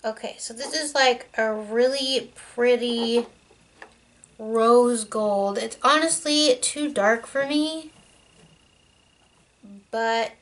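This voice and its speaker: A young woman talks through her makeup routine in a loose, chatty vlog style, full of "like"s and small tangents. Her voice sits a little high and she takes her time between words. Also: slow, long pauses. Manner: chatty and rambling, many "like"s. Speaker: beauty vlogger. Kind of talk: casual makeup vlog chat.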